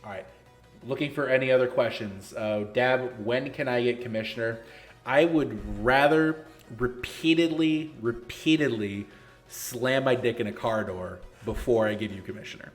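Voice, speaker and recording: A man's voice: medium pitch, moderate pace, faint music behind. A man in his thirties hosting a casual live-stream Q&A for a gaming league, answering chat questions in a blunt, joking, sarcastic way. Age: 30s.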